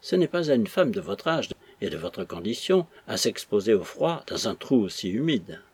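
A man reading aloud and voicing an older, jovial father who mocks his son in a loud, teasing way. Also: on the low side, sing-song, normal speed, husky, heavily acted. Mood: mocking.

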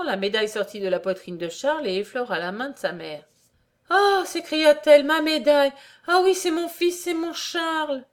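A woman reading an old-fashioned story aloud in a measured, formal way. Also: medium pitch. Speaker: reader.

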